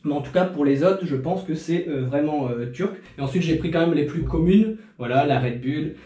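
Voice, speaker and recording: A man's voice: on the high side, moderate pace, dark tone. A young man chatting casually to camera in a tasting vlog, rambling with fillers and restarts. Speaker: video creator. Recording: echoey room.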